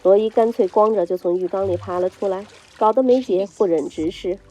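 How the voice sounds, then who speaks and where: A woman narrating a film recap in a brisk storytelling delivery, reading a script. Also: mid-range voice, mellow.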